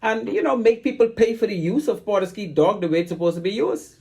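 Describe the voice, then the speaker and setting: A man's voice: high voice, fast talker, vocal fry, mellow. A man in his sixties with a Bahamian accent, hosting a call-in radio show in an emphatic, casual way, often repeating words as he gathers his thoughts. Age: 60s. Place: radio studio.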